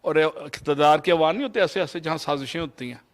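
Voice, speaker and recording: Pakistani man telling a lecture story. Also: a little high. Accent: Pakistani Urdu. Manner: mixes English phrases into Urdu, shifts between loud and soft. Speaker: motivational speaker.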